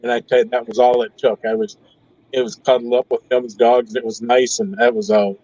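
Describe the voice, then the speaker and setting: A man's voice: medium pitch, fairly quick, creaky, darkish tone, no room sound, dull audio. A man who is a regular of the stream, chatting in an easygoing, folksy way over a call. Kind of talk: casual chat.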